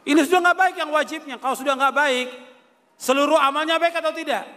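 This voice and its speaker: High-pitched preacher man in a hall. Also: a little fast, bright, forceful tone. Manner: rhetorical questions answered himself, repeats key phrases. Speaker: Islamic preacher. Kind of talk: religious lecture answering questions. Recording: reverberant hall.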